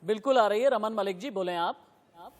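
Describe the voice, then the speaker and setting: A man's voice: fairly quick, in a large hall. A man moderating a TV news debate who firmly keeps order among his guests. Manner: firm, repeatedly tells a guest to lower his voice.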